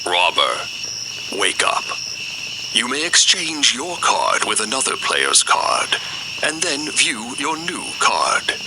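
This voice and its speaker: A man playing a game app narrator who gives deliberate, commanding, dramatic instructions to night-time roles. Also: mid-range voice, huge pitch swings, very noisy, heavily acted. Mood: commanding, solemn. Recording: loud background night ambience with crickets. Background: night ambience, crickets.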